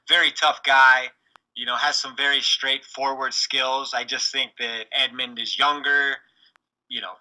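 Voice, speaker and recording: A man's voice: mid-range voice, sharp tone, poor audio. A man co-hosting a casual sports podcast, giving confident, opinionated fight analysis. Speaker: podcast co-host.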